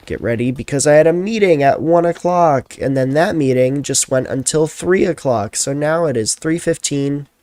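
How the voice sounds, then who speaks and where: A man's voice: medium pitch, darkish tone, no echo. A tired young man chatting casually as a streamer, telling a rambling story full of fillers.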